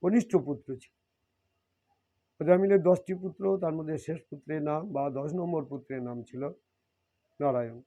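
A man's voice: on the high side, moderate pace, pauses often, mellow. A man reading devotional scripture and explaining it, often repeating and rephrasing his points. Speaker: scripture reader and preacher. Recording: dull lo-fi recording.

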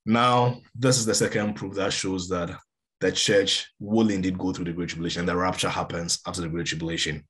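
A preacher in his forties teaches the Bible emphatically over a video call, gesturing as he speaks from a room with a window at home, picked up by his laptop webcam. His low voice is a bit bright and level, moving a little fast.

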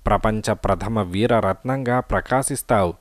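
Old sage, male, serene and kindly, gentle blessings, read by a man. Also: fairly low pitch, moderate pace, no echo, close to an everyday voice.

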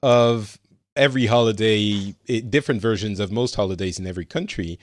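A man's voice: lowish voice, a little fast, no room sound, clean studio sound. A man from France hosting a casual news podcast, talking with lots of fillers and restarts. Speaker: host.

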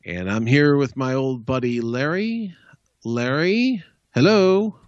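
A man's voice: medium pitch, lively intonation, slow, dry recording, dull audio. A man co-hosting a home improvement talk show, chatting casually in an easygoing, rambling way. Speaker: co-host. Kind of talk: casual chat.

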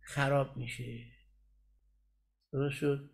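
A man's voice: mid-range voice, little pitch movement, gravelly. A man teaching Quran recitation in a class, explaining step by step and often checking that his students have followed.

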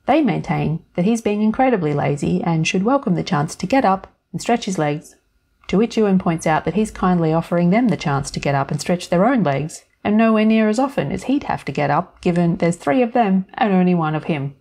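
A woman storyteller reading scripted narration in a calm, measured and gently wry manner. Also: on the low side.

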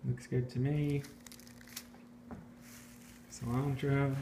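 A man in his thirties filming a casual home cooking vlog in his kitchen, talking in an offhand, self-mocking deadpan. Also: mid-range voice, drawn-out words, background noise. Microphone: phone camera held at arm's length.

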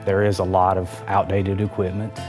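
A man's voice: deep voice, completely flat delivery, normal speed. A man plainly describing worn gym equipment in a documentary interview. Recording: background music under the voice.

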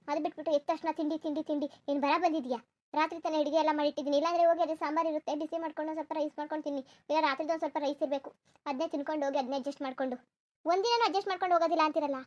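A woman's voice: high-pitched, darkish tone, muffled recording, natural voice. A woman voicing a lazy, sleepy young wife in a cartoon, complaining and stubbornly refusing to get up. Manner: complaining, stubborn, rapid-fire. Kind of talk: cartoon voice acting.

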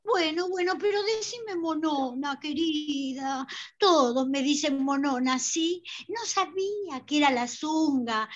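A woman's voice: high-pitched, takes it slowly, muffled recording. A woman playing a chatty elderly mother who rambles and pleads, with a Rioplatense Spanish accent, full of hesitant fillers. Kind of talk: amateur theatre play over video call.

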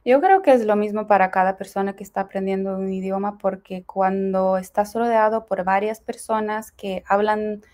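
A young woman from Ukraine speaks with a Mexican Spanish accent as an interview guest, at a middle pitch. She chats easily, laughs often and breaks off words to restart them. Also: steady tone, moderate pace, few pauses, a little mellow. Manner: chatty, laughs often, restarts mid-word. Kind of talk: casual interview chat.

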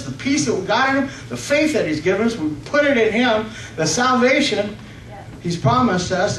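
His voice a little high, a middle-aged preacher at a church conference reads scripture and preaches with a halting, slightly nervous delivery, often fixing his words and prompting amens. He stands on an indoor church hall stage; a faraway camera catches his stand mic, so the sound is roomy, distant, and faintly noisy.

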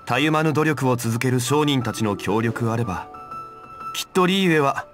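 A man voicing a calm, dignified character in a game, speaking in a measured and formal way. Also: medium pitch, close to an everyday voice. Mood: composed. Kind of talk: Japanese game dub. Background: game music.

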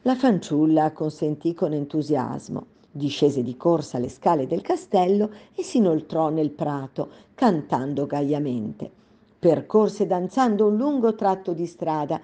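A woman reads a fairy tale aloud at a calm, steady storytelling pace. Her voice is deep and very dark, with a soft, mellow warmth. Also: unhurried.

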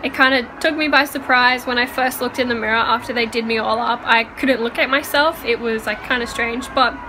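A woman's voice: fairly high pitch, steady tone, brisk, noisy background. A young woman talking casually to camera in a vlog, chatty and full of "like", at home over dinner. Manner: chatty, lots of "like", laughs often. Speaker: vlogger.

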